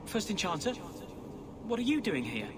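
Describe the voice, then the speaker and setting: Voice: mid-range voice, sing-song, normal speed, background noise, close to an everyday voice. An actor playing an earnest, unsure young half-elf man in a video game, hesitant and questioning. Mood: bewildered. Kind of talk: video game character acting.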